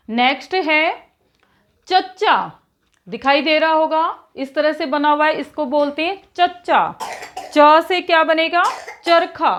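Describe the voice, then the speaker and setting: A woman's voice: high-pitched, fairly bright tone. A woman teaching children an alphabet lesson, patiently repeating each letter so they can follow along.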